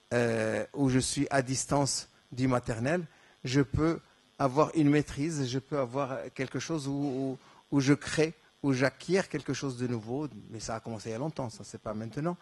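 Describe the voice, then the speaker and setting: Speaking at moderate pace in a mid-range, darkish voice, this Moroccan conference speaker fields questions in a lecture hall. Moroccan Arabic (Darija) is his first language, and his answers are full of fillers and restarts, captured with no room sound.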